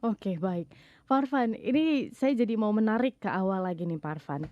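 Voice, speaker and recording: A woman's voice: medium pitch, animated, normal speed, dry recording. A woman interviewer asking polite, formal questions and addressing her guest by his title. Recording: dull, dry, lo-fi sound.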